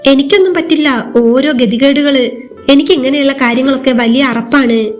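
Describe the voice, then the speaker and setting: A woman's voice: high-pitched, normal speed, soft background music, close to an everyday voice. A woman voicing a cold, mocking mother-in-law in a storybook reading. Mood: scornful. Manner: mocking, disdainful.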